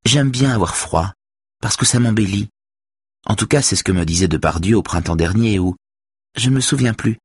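A man's voice: on the low side, lively intonation, normal speed, husky, no room sound, voice pushed up. A man voicing a flamboyant, vain woman in her fifties who talks in a theatrical, gossipy way.

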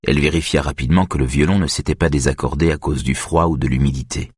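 Male narrator, very low and husky, measured audiobook read. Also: no room sound, studio quality. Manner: even, measured reading.

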